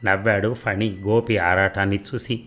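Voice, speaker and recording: A man reading a serialized novel aloud as narrator, in a plain, measured way. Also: fairly low pitch, steady tone, pushed and bright.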